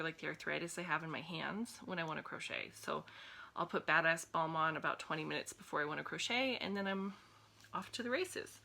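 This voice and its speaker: A woman's voice: lowish voice, creaky, bright, forceful tone. A woman in her thirties from the United States, chatting casually in a home vlog with frequent ums and laughs, a little winded. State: a little out of breath. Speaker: vlogger. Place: home room.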